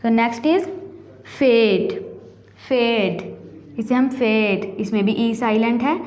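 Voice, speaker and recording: A woman's voice: fairly high pitch, moderate pace, a little mellow, reverberant. A woman teaching young children English phonics in Hindi, saying each word over and over and stretching out its vowel sounds. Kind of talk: phonics lesson for kids.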